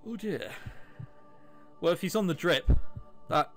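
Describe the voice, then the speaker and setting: This man, a let's play host, voices a visual novel aloud with wry, chatty remarks between the lines, now and then stumbling. His voice sits on the high side and is fairly bright, at a measured pace, with background music underneath.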